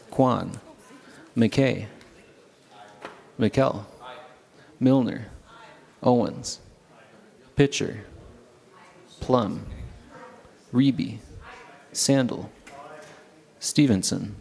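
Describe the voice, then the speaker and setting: A man's voice: medium pitch, creaky, a little mellow. A man acting as clerk, formally calling a roll one item at a time. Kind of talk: formal roll call of surnames. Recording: reverberant large chamber.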